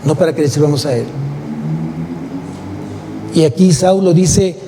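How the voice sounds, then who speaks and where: Speaking unhurriedly in a fairly high voice, a Mexican Spanish-accented pastor preaches with emphasis and asks his congregation rhetorical questions. Faint noise and the long reverb of the church hall fill the recording from the sanctuary.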